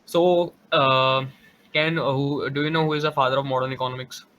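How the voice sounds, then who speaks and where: A man's voice: medium pitch, steady tone, a little fast, sharp tone. A man quizzing an applicant in an online interview, asking direct questions with a few fillers. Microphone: computer microphone on a video call.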